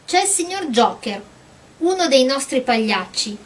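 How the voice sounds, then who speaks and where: A woman reading aloud and voicing a delicate, proud young porcelain princess in a storybook, with a high, breathless, pleading voice. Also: sing-song, measured pace. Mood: prim, wistful.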